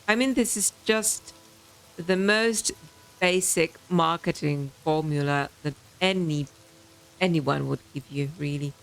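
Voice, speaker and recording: Slow, gravelly woman playing a game. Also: low voice. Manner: wry, sighing asides. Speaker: gaming channel host. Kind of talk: casual let's-play commentary.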